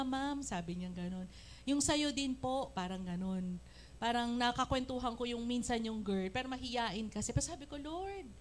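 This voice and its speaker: A woman with a Filipino accent preaching a sermon, animated, acting out quotes and shouting praise. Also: sits high, a little hiss or hum. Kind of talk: Taglish sermon. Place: church service.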